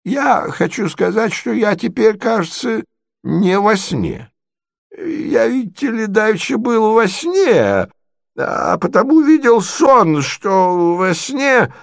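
A man voicing a confused, sentimental old prince who rambles and turns tearful, in a high, quavering voice. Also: very animated, takes it slowly, gravelly, no room sound, studio quality, exaggerated voice. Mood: muddled. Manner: muddled, rambling, easily tearful.

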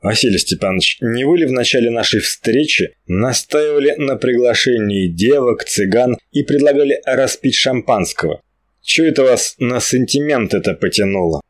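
A man voicing an irritable young gentleman who gives curt, commanding orders. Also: medium pitch, lively intonation, moderate pace, natural voice. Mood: cold.

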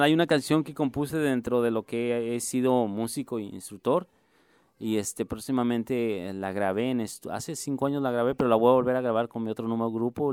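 A middle-aged man from Mexico City with a capital-city Mexican accent, a musician and music instructor speaking earnestly in a radio interview, halting with many fillers and restarts. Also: mid-range voice, a little mellow, clean tone, no room sound, studio quality. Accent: Mexico City Spanish.

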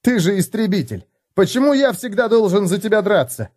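A man voicing an indignant, fed-up young human adventurer who shouts in a raised, strained voice in an audiobook. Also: high-pitched, very animated, brisk, voice pushed up.

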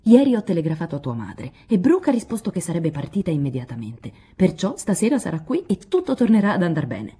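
Woman reading a playful, reassuring teen boy, low and husky; audiobook. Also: very animated, fast talker, few pauses, dark tone, heavily acted. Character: kind, teasing teenage boy friend.

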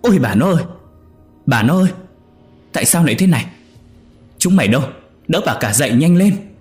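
A man voicing a lecherous, domineering old village chief who talks low, coaxing and commanding. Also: moderate pace, darkish tone, soft background music, lightly acted. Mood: panicked.

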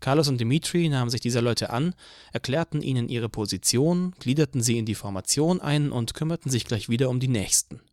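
A man's voice: mid-range voice, lively intonation, fairly quick, darkish tone, no echo. Man narrating an audiobook, dry and close. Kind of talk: scripted narration.

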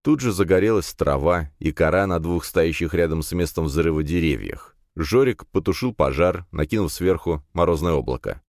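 A man narrates a fantasy audiobook in the first person, telling it expressively. His voice is low and deep, with a lively, swinging melody. The recording is dry and close, with no room sound. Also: moderate pace, hardly any pauses, no echo.

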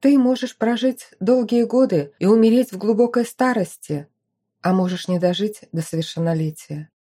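Woman, audiobook narrator, first-person reading, expressive, emotive, warm mellow tone. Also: medium pitch, normal speed, breathy edge.

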